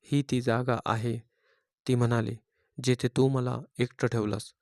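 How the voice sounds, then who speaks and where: Man narrating a grave, measured story. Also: mid-range voice, little pitch movement, a little mellow, no room sound, clean studio sound. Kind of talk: scripted narration.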